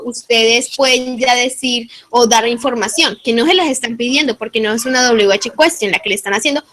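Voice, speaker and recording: Bright-voiced woman teaching a language class. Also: fairly high pitch. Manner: patient, step-by-step explaining with English examples. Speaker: English teacher. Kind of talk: online class instruction.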